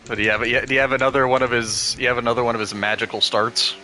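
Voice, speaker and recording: A young man teasing his teammates with wry, animated remarks over casual voice chat while sim racing. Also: mid-range voice, quick pace, slight background noise.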